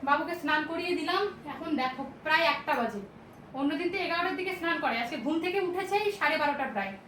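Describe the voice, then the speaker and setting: A young woman talks quickly and at length in a high voice, rambling through her day at home as in a casual vlog. She sounds like a chatty mother, with a faint hum of noise behind her. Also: lively intonation, a bit bright, poor audio. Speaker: vlogger and mother. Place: at home, indoors.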